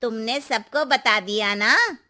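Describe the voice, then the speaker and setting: A superstitious older neighbour auntie, voiced by a woman for an animated story. She speaks slowly and knowingly, in a high, bright voice that lingers on each warning. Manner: cautionary, knowing.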